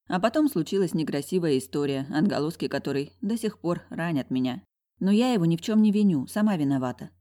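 A woman's voice: lowish voice, dark tone. A woman narrating a first-person story in a wry, confiding, rueful way.

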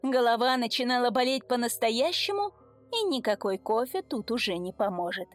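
A woman's voice: on the high side, expressive, normal speed, faint music behind. A woman narrating a story in the first person in a dry, ironic manner.

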